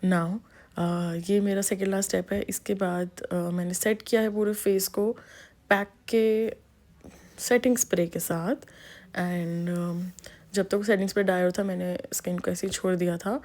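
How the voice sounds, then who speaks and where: A woman's voice: medium pitch, fairly even intonation, a little slow, darkish tone. A woman with an Indian accent giving a makeup tutorial voice-over, switching freely between Hindi and English with frequent ums and restarts. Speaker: makeup artist.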